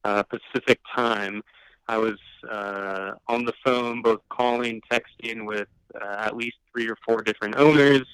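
Calm man with a smooth voice, measured. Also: fairly low pitch, dry recording, low-quality recording. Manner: calm and measured, many filler pauses. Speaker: podcast guest, league finalist. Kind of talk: casual podcast interview.

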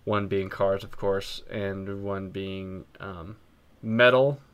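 Low, smooth-voiced man rambling casually. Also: steady tone, slow. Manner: rambling, many ums and restarts. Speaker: podcast co-host. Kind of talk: casual music chat.

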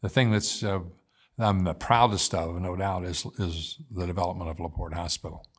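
A man in his eighties, a former mayor, talking in a measured, thoughtful way with frequent pauses as an interview guest. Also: sits low, steady tone, husky. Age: 80s. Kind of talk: casual interview talk.

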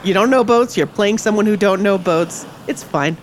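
A woman's voice: mid-range voice, normal speed, a little hiss or hum. A woman narrating a tabletop role-playing game as game master, with dramatic, descriptive storytelling.

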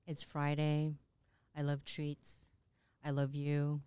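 A woman's voice: sits low, completely flat delivery, slow, mellow, clean tone, no room sound. A woman co-hosting a podcast, chatting playfully about food. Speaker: podcast co-host. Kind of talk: casual chat.

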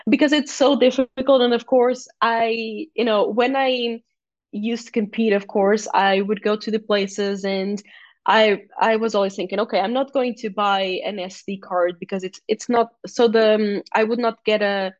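Speaking at normal speed in a medium pitch, a young woman with a Portuguese accent, here a guest athlete, chats casually in an interview. She's chatty and quick to laugh, restarting sentences and filling gaps as she goes. Her voice sounds close and dry, slightly dull and lo-fi, with no room sound.

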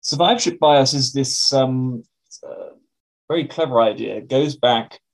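A man's voice: medium pitch, unhurried, vocal fry. Donnish British man, careful academic talk. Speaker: academic researcher, interview guest. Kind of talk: explanatory interview talk.

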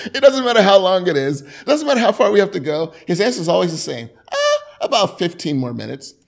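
A middle-aged man preaching a sermon in a conversational, animated way, often restarting his sentences. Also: high-pitched, fast, gravelly. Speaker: pastor.

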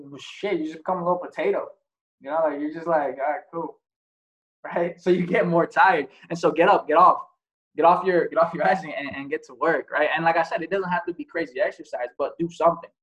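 A man's voice: a little high, fairly bright tone, poor audio. A man giving a casual motivational talk as host, blunt and profane, asking many rhetorical questions. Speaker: podcast host.

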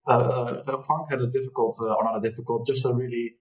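A man with a Dutch accent, chatting casually as a podcast guest, halting with many restarts and frequent laughs. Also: mid-range voice, flat delivery. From Netherlands. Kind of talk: casual chat. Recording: muffled lo-fi audio, far from the mic.

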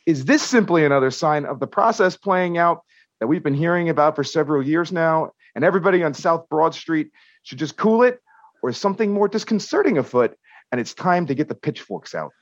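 A man's voice: a little high, animated, brisk, dry recording, highs cut off. A man hosting a podcast, moving between scripted introduction and chat. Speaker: podcast host.

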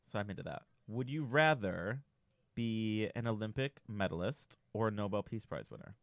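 A young woman with a very low, lively voice co-hosts a podcast. She jokes in a relaxed way and laughs a lot. Her voice sounds close and dry. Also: moderate pace, dry recording. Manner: laid-back, joking, laughs often. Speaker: podcast co-host. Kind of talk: casual chat. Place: room in Miami Beach.

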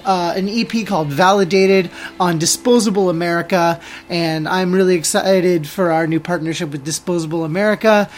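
This podcast host's voice sits in a middle pitch. The host jokes playfully with the guest and laughs often. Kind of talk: casual interview.

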